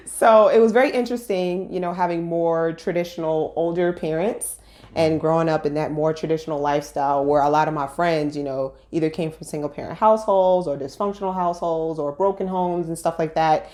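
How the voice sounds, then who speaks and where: Speaking fairly quickly, she has a warm voice that sits low. She's a young woman from Brooklyn, New York, casually sharing her story as an interview guest, relaxed and talkative, with frequent laughter.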